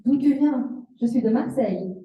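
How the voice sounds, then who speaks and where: Interpreting a seminar live and consecutively, phrase by phrase, this woman speaks at a moderate pace in a high voice with a dark tone. She expressively repeats the examples given and occasionally corrects herself. The sound is roomy and a little dull.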